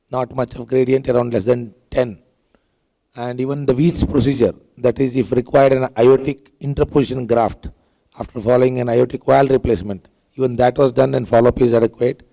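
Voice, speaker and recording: A hoarse man with an Indian English accent, a cardiac surgeon speaking haltingly on a conference panel. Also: mid-range voice, steady tone, warm tone. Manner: halting, with many filler pauses. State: hoarse, lost his voice.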